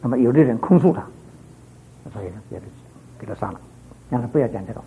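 An older man from Fuzhou preaching a sermon, telling family stories in a rambling way, his phrases trailing off softly. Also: medium pitch, lively intonation, quick pace, slight background noise, poor audio. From Fuzhou, China.

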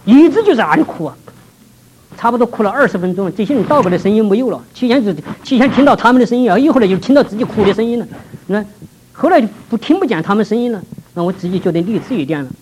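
Fast-talking man giving testimony. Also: high voice, expressive, slight background noise, poor audio. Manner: vivid storytelling with big swings between hushed and raised passages. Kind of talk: testimony sermon.

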